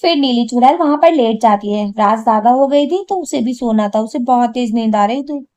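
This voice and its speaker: A woman's voice: a little high, normal speed, a little mellow. A woman narrating a cartoon story in a plain, matter-of-fact way.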